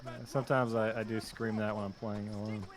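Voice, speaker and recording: A man who works as a game voice actor, chatting as a guest in a relaxed, hesitant way, calling in remotely. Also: lowish voice, brisk. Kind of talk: casual chat as a guest.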